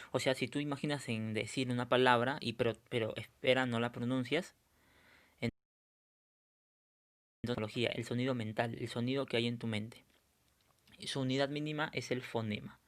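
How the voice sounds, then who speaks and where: A male teacher going over a review lesson, explaining step by step and often checking in with his students. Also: mid-range voice.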